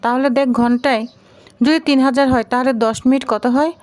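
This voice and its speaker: A mischievous young sister in a serial recap, as a woman reads her part, haggling and teasing her brother. She sounds high and quick. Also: steady tone, darkish tone, lightly acted.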